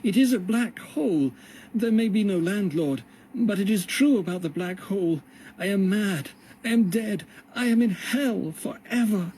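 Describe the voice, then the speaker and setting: A man's voice: lively intonation, moderate pace, a little mellow, slight background noise, close to an everyday voice, rough recording. A man voicing a desperate young man who cries out in anguish and indignation in a storybook reading. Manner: raised, fervent, high-pitched outbursts.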